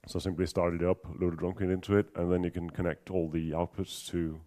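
Deep-voiced and Danish, he addresses a software conference in accented English, working through technical points calmly and with a dark tone. He hesitates a lot, says um, restarts his thoughts, and jokes at his own expense in a dry way.

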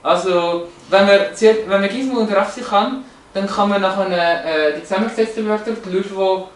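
A man's voice: high-pitched, normal speed. A man explaining language features from slides, hesitant, with many fillers and restarts. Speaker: presenter. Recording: roomy, echoey, from a distance.

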